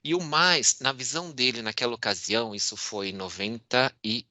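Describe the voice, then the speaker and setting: A man, moderating a panel and telling his own story in an expressive, earnest way, often restarting his sentences. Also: medium pitch, moderate pace, no echo. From Brazil, São Paulo. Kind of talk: personal storytelling in a panel talk.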